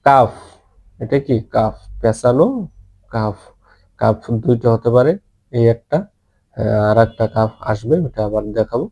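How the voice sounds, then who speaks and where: A man teaching Quran reading, drawing out each syllable slowly and often checking that his listeners follow. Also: on the low side, steady tone, gravelly, warm tone, muffled recording. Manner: patient, drawn-out syllables, asks "ঠিক আছে?" often. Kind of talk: slow letter-by-letter recitation lesson.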